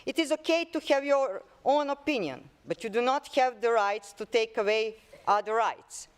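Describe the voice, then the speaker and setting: A woman's voice: a little high, animated, normal speed, clear, resonant tone. Serbian-accented woman giving a formal speech. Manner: reads a prepared statement, occasional restarts. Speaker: parliamentarian.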